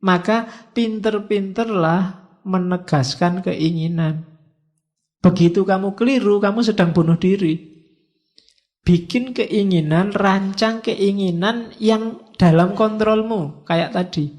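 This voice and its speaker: A man's voice: high voice, slow, a little mellow. A middle-aged man with a Javanese accent, giving a casual philosophy lecture to students in a chatty, teasing way. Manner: chatty, teasing, drifts into slang.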